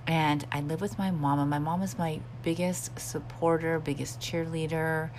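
A woman's voice: sits low, normal speed. A woman podcast host chatting casually in a hesitant, confiding way, recorded in a small bathroom at home with a fan running. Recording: bathroom with steady fan hum. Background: humming bathroom fan.

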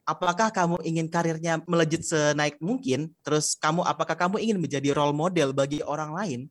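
Young male podcast guest, quick casual explainer, dry close sound. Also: on the high side, no room sound. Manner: relaxed and explanatory, with slangy fillers. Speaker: podcast guest, public speaking trainer.

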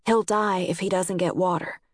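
A woman's voice: lowish voice, fairly even intonation, moderate pace, no room sound, studio quality, lightly acted. A woman reading the lines of a desperate middle-aged mother whose voice breaks with grief. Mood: pleading. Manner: soft, voice breaking.

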